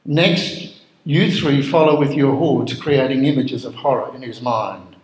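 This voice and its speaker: A man's voice: medium pitch, unhurried, close to an everyday voice. A man voicing the devil, giving impatient orders to his demons, in a roomy echo. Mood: commanding. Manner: commanding, impatient. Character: scheming male devil commanding his demons.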